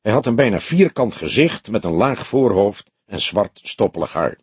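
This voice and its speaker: A man narrates a detective story in a measured way, his voice slightly husky. His pitch moves lively through the sentences, and the recording is dry and close. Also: no room sound. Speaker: audiobook reader. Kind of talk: scripted narration of a detective novel.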